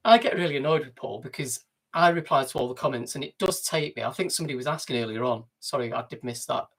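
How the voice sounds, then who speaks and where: Quick and a bit bright, the man's mid-range voice carries a Mancunian accent as he chats casually on his livestream. He's a vlogger, relaxed and easygoing, broadcasting from inside a narrowboat.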